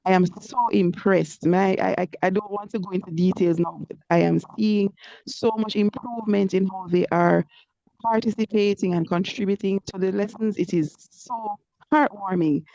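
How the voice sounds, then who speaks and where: A woman with a gravelly edge, speaking as a teacher to parents. Her voice comes through a muffled, lo-fi online group call and sounds dry and close. She praises warmly and drops "you know" into her sentences. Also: medium pitch, steady tone, normal speed, no echo. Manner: warm praise, frequent "you know" fillers. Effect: online group call audio, connection breaking up. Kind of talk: update to parents in an online meeting. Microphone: computer or phone mic on a video call. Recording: muffled, lo-fi video call audio.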